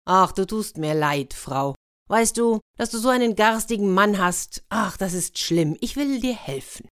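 A woman's voice: mid-range voice, lively intonation, measured pace, lightly acted. A woman voicing the kindly South Wind. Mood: sympathetic. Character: pitying, kindly male South Wind spirit.

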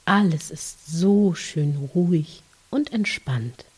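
Female narrator for children's guided relaxation: mellow, low-leaning, soft dreamy hush, soothing and unhurried. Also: animated. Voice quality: soft, breathy, hushed, at times near whisper. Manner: gentle, soothing, unhurried with long pauses.

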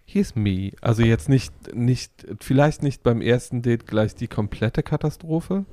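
A man's voice: medium pitch, animated, measured pace, mellow, dry recording. A man hosting a casual podcast, thinking aloud hesitantly and often restarting his phrases as he reflects. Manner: hesitant, searching, repeats phrase openings. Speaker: podcast host.

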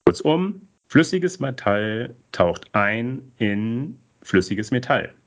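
A man's voice: mid-range voice, very animated, slow pace. A man hosting a podcast, reading a scripted introduction and putting questions to his guests, with playful wordplay. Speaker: podcast host.

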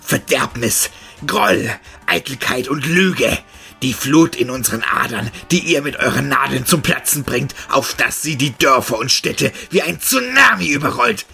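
A monstrous old man rants in a distorted, gravelly bellow, as a male narrator puts him on. His voice is low, tense and harsh, and he hurls paranoid accusations. Faint music plays underneath. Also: measured pace, sharp tone, heavily acted. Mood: raging.

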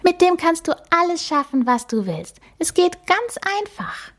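In a children's storybook reading, a woman voices a cheerful little female magic mouse, bouncy and encouraging. Her breathy voice is pitched very high, above her natural range, with a fairly bright tone. The delivery is very animated and heavily acted yet unhurried.

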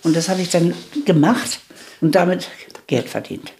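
Gravelly older woman recounting her life. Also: lowish voice, animated, a little mellow, slight background noise. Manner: candid, halting with restarts, emphatic on key points. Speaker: interviewee. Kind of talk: reflective life-story telling.

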